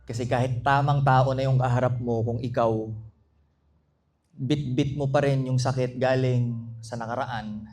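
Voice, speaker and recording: A man hosting a live event, teasing the guest in a playful, drawn-out way. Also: mid-range voice, little pitch movement, a little mellow. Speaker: event host. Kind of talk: emcee talk mixing Tagalog and English.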